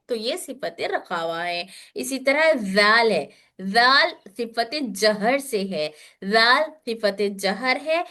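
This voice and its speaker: A woman teaching Quran recitation in an online lesson, explaining slowly and carefully and repeating single sounds as examples. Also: high voice, pushed and bright.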